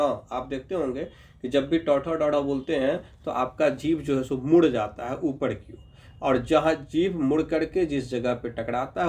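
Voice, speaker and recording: A man teaching a grammar lesson, patiently sounding out letters and checking in with his students. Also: mid-range voice. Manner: patient, repeats sounds slowly, checks in with "ठीक है"; addresses viewers as "Babu". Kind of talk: explanatory lesson.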